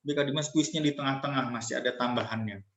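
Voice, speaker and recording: A man's voice: medium pitch, quick pace, fairly bright tone. Playful young man telling kids stories. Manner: playful, acts out quoted voices. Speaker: religious storyteller for children. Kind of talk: storytelling lesson for kids. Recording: echoey lo-fi recording.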